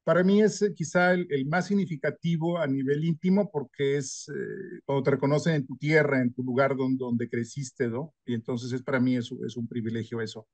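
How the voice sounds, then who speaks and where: Older historian, dry sound. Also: male voice, mid-range voice, steady tone, normal speed, few pauses, a little mellow, no echo. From northern Mexico. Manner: thoughtful, frequent tag questions, light self-deprecating humor. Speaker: historian guest. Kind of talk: reflective interview answer.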